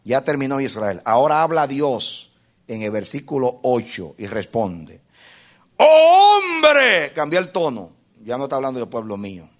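A man preaching a sermon to a congregation, impassioned, asking them questions and repeating phrases for emphasis, swinging from hushed to loud. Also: medium pitch, animated, moderate pace. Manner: addresses the congregation directly with questions.

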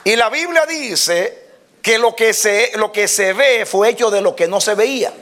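A man preaching a sermon to a congregation, calling out to them and swinging between loud exclamations and low, quiet lines. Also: steady tone, normal speed, some chatter behind, slight background noise. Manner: calls out to the congregation.

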